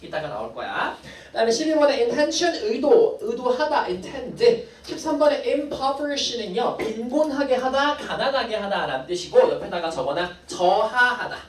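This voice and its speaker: A woman teaching an English vocabulary class, explaining each word briskly and adding playful asides to her students. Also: fairly high pitch, sing-song. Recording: echoey classroom from far off.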